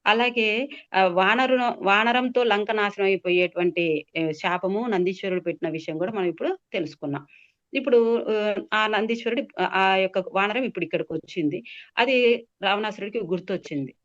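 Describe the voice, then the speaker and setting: A woman telling a devotional epic story, explaining words as she goes and pausing with many fillers. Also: medium pitch, fairly bright tone. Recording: dull lo-fi sound.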